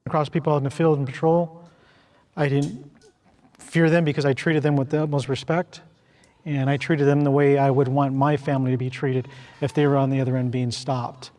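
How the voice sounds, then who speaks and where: A man who worked as a police officer, speaking in a measured, earnest way. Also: mid-range voice, little pitch movement, a little mellow.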